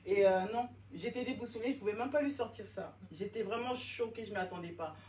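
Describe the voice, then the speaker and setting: A woman in her forties from France, telling her own story in a casual interview, animated and acting out the voices she quotes. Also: mid-range voice, fast. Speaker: interview guest, fashion designer. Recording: roomy echo, distant mic, faint noise.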